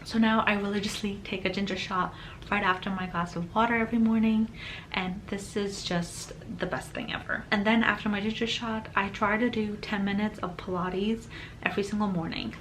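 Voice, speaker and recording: A planner vlogger in her thirties narrates her day in a loose, chatty voice-over, rambling a bit and often saying "um" and "like." Her medium-pitched voice sounds slightly off from a cold she is still recovering from. The recording is rough, with a little hiss or hum.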